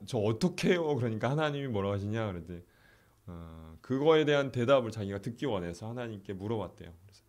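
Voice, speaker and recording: A middle-aged pastor telling a story in a sermon, softly acting out the prayers of the people in it. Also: male voice, lowish voice. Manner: soft-spoken, acts out quoted prayers, laughs often.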